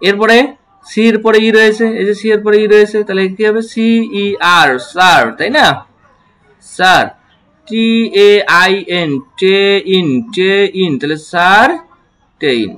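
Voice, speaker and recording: Man, high-pitched voice, English pronunciation teacher, slow letter-by-letter spelling, repeats each word, asks and answers his own questions. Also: fairly even intonation, a bit bright. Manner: asks students questions and answers them himself. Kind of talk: online phonics lesson.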